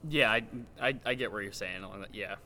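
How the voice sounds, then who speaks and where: A man's voice: fairly low pitch, quick pace, a crowd in the background. A man chatting casually as a guest with careful, hesitant phrasing, recorded in a large old gym with big-hall echo. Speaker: podcast guest, stage actor. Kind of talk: casual chat. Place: large old gymnasium used as a theater, indoors. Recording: roomy big-hall echo, background noise.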